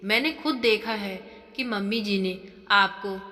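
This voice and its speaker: A woman's voice: mid-range voice, unhurried, pushed and bright, long reverb tail. A woman doing a sarcastic, accusing daughter-in-law. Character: sharp-tongued young woman, suspicious daughter-in-law.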